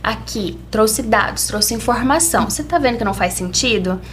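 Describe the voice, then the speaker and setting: A woman co-hosting a health podcast, speaking in a reflective, measured way. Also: on the high side, animated, slight background noise. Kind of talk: casual podcast chat.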